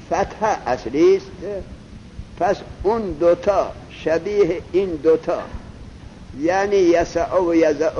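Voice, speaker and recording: Male teacher, somewhat high voice, quizzes the class and answers himself, muffled lo-fi classroom recording. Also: darkish tone, a little hiss or hum. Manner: explains step by step, asks students questions and answers them himself; reads Arabic passages slowly and deliberately. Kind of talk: classroom lesson on Arabic grammar.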